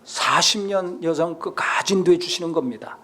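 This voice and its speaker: High-voiced man preaching a dramatic sermon. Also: normal speed, bright, forceful tone. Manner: rhetorical questions, dramatic preaching. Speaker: pastor.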